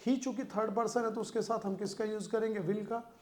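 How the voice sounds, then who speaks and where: A man's voice: high voice, steady tone, a little fast, darkish tone. A man with an Indian accent teaching English vocabulary for competitive exams. He explains word meanings in Hindi mixed with English and keeps checking in with "theek hai". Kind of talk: exam-prep vocabulary lesson.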